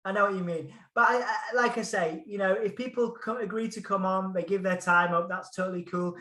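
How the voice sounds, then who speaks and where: A man's voice: high-pitched, steady tone, fairly quick, sharp tone, reverberant. A man with a Hull accent, chatting enthusiastically as a podcast guest over a call, often repeating phrases for emphasis. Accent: Hull English. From Hull, England. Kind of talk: casual interview chat.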